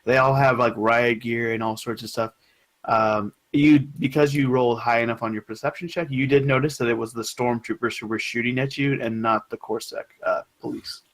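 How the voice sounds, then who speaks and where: A young man narrating as game master in a casual, halting way with lots of fillers. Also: medium pitch, fairly even intonation, fairly bright tone, low-quality recording.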